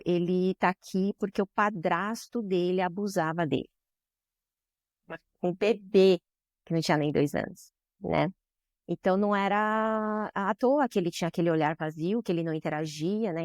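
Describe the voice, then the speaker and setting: A woman's voice: mid-range voice, no echo, clean studio sound. A woman with a Brazilian Portuguese accent, a guest in a podcast interview, telling stories with feeling and often tagging her sentences with questions. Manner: emotional, frequent tag questions. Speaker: guest, social business director.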